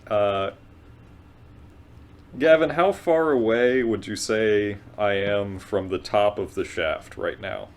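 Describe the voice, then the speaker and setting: A man chatting casually as a player in a tabletop game, thinking aloud in a halting way. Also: on the low side.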